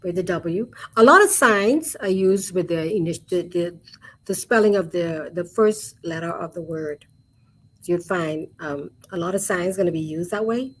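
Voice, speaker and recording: A woman teaching sign language in an online webinar, patiently repeating each word softly as she shows the signs. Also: on the low side, measured pace.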